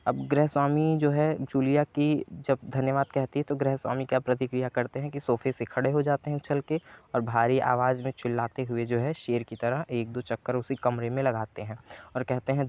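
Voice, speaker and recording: A man's voice: mid-range voice, little pitch movement, moderate pace, darkish tone, no echo. A male teacher explaining a story lesson, retelling and paraphrasing each line with frequent fillers. The recording is slightly dull. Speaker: Hindi teacher.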